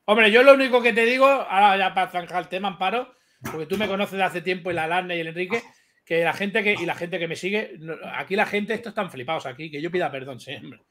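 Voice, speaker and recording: A man co-hosting a live chat, talking fast and heatedly, swearing and repeating himself. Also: high voice. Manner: rapid, excitable, swears a lot, repeats himself. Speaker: live stream co-host.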